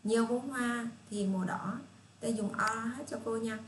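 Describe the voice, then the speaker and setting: A woman's voice: on the high side, steady tone, normal speed. Woman, Southern Vietnamese accent, children's English teacher, patient, repeats herself, echoey room, faint hiss. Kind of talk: casual spoken lesson for children.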